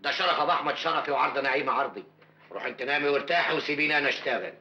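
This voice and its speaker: A loyal, protective neighbor with an Egyptian accent who reassures and vows firmly. His speech is quick with a forceful, bright edge. The old film soundtrack sounds dull and muffled. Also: a little high, a little hiss or hum. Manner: reassuring, firm, threatening on others' behalf. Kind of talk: classic Egyptian film acting.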